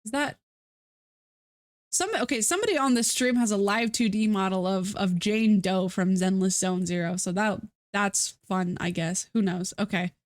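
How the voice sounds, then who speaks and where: Here a stuffy-nosed woman talks casually to her live-stream viewers at a moderate pace, her pitch in the middle range. She rambles and mocks herself, restarting often and leaning on fillers. The recording is dry and studio quality.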